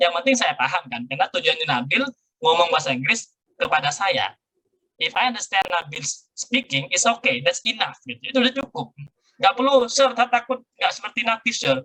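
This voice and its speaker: Bright-voiced male lecturer explaining. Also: sits high, very animated, brisk, low-quality recording. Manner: explanatory, mixes Indonesian with English. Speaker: university lecturer. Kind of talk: online grammar lecture.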